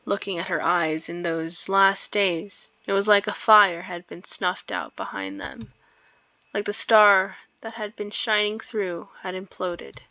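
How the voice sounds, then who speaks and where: Her medium-pitched voice is bright and forceful, with a steady tone and an unhurried pace, as she hosts a let's play. The woman giggles, chats, and makes informal asides while commenting on the game and reading some narration from it. The dull lo-fi mic has no room sound, and game music plays behind.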